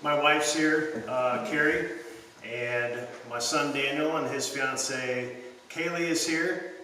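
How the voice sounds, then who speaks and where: A middle-aged man chatting casually and haltingly as a co-host, his voice in a big hall echo. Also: a little high, fairly even intonation, sharp tone. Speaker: co-host and taster. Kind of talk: casual chat. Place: own unfinished basement with concrete floor. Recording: big hall echo, distant mic, faint noise.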